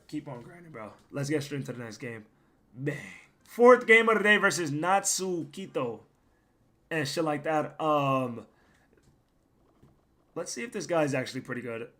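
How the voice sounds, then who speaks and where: His voice sits a little high and is hoarse, since this young gaming streamer is losing it. He keeps up casual, profane commentary over the gameplay, rambles between plays, and sometimes erupts into loud yells.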